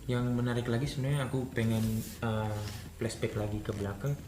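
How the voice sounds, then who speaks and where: A man's voice: medium pitch, fairly even intonation, brisk, roomy sound, noisy background. A man hosting a casual interview, asking chatty questions and laughing easily. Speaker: host. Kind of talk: casual chat.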